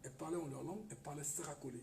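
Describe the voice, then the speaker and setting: An Ivory Coast man appears as a radio guest in a casual conversation, his high, darkish voice creaky and steady as he speaks rapid-fire. He's hesitant, repeats words and now and then leans on a point. The recording is echoey and distant with faint noise.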